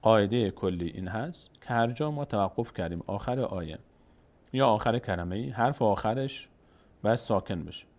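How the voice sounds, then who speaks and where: A man teaching a Quran recitation lesson, patiently explaining rules and slowly drawing out example words. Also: on the low side, animated, darkish tone. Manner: patient, asks and answers his own questions, draws out example words slowly. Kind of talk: step-by-step lesson.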